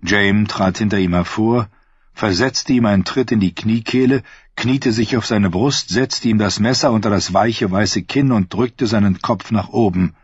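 A man reading an audiobook in a measured, husky voice. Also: on the low side, no echo, highs cut off. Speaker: audiobook narrator. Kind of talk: scripted narration.

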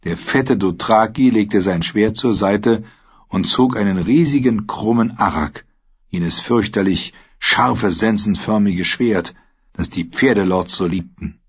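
Low husky guy reading fantasy audiobook, measured and dramatic, kinda dull audio. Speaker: audiobook narrator. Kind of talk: scripted fantasy narration.

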